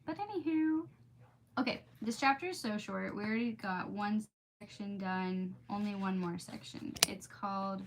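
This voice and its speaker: Reading a storybook during a casual livestream, a woman chats with her viewers and gets sidetracked easily. She speaks at medium pitch and normal speed. The recording is rough, with slight background noise.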